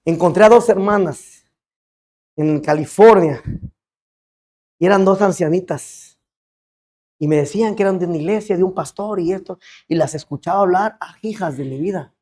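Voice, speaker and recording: A man with a high voice preaching a church sermon. He moves between fervent, raised exhortation and quiet, confiding storytelling, always pressing his listeners. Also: moderate pace, long pauses. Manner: impassioned preaching, swinging between loud exhortation and hushed storytelling. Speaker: pastor.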